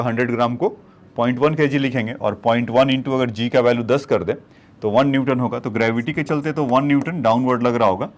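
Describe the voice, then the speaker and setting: A male physics teacher working through problems on a board, explaining each step and addressing his students as children. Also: mid-range voice. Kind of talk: whiteboard problem-solving lecture.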